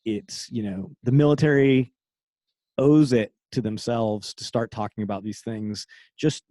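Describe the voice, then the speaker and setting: A man's voice: mid-range voice, fairly even intonation, a little slow, dark tone, no echo. Candid, laughing middle-aged man. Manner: candid, laughs often, trails off and restarts. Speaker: guest, former special forces operator. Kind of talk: casual podcast conversation.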